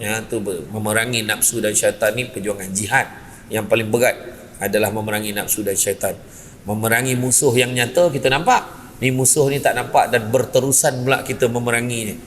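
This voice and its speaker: A man with a Malaysian Malay accent, preaching a lively sermon and telling animated stories, often checking with the audience. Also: brisk. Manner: animated storytelling, jumps high for effect, asks "kan?" often. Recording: long hall reverb.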